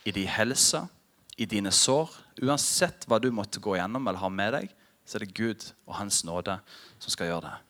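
Male pastor, middle-aged, preaching; bright voice, very lively intonation. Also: fairly low pitch. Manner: lively, animated preaching, drops to soft intimate tones. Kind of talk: sermon.

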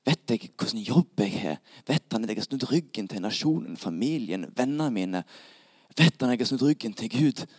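A preacher voicing an anxious small tax collector who questions himself in a hushed voice. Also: male voice, medium pitch, expressive, dry recording, studio quality, close to an everyday voice.

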